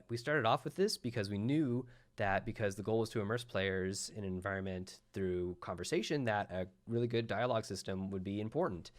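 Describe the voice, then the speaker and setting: Male presenter, slightly low voice, explanatory conference delivery with frequent fillers. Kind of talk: recorded conference talk.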